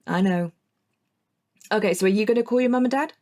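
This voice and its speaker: An actress with a British accent plays Rachel, a blunt, sweary young woman who misses her partner, in a naturalistic audio drama. Her medium-pitched, slightly mellow, near-everyday voice moves a little fast, and she sounds wistful and grumbling in an informal, exasperated, sweary way.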